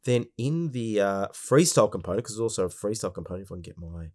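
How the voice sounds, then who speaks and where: Hosting his podcast in a casual monologue, a man from Melbourne speaks with an Australian accent, sounding congested from a cold. His lowish, darkish voice is animated and quick.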